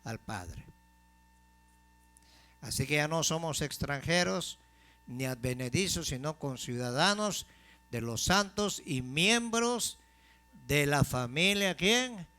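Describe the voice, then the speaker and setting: A man preaches to his congregation in a fairly high voice. He pauses on questions for them to answer and slows down to stress the key words. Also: expressive, sharp tone. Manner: call-and-response questions to the congregation; emphatic preaching, slowing for key phrases. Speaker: pastor. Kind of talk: sermon.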